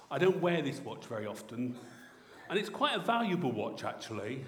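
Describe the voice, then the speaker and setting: A middle-aged man from England preaching a sermon, swinging between loud excitement and soft, reflective passages. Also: a little high, slight background noise. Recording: roomy hall echo heard from a distance.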